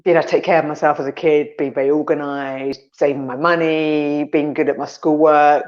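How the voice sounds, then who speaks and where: A woman's voice: low voice, steady tone, fairly quick, dull audio. A woman co-hosting a casual podcast chat, talking animatedly and acting out her inner voices, with some swearing. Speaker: podcast co-host.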